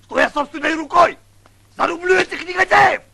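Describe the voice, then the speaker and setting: An actor playing a vengeful warrior in an adventure film, declaiming in a bombastic, theatrical manner. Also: male voice, a little high, huge pitch swings, a little slow, gravelly, sharp tone, husky, heavily acted. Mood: vengeful, solemn. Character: vengeful warrior swearing a bloody oath. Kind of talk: Soviet adventure film acting.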